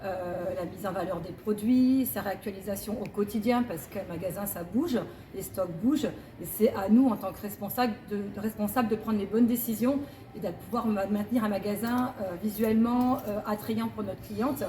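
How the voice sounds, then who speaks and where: A woman's voice: mid-range voice, normal speed, warm tone, a little hiss or hum. Woman in her forties, echoey room. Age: 40s. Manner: hesitant, many fillers. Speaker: store manager. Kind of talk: corporate job interview testimony.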